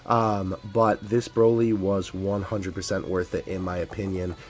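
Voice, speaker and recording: A man hosting a casual toy unboxing, excitable and laughing often, stumbling over his words. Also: deep voice, unhurried, soft background music.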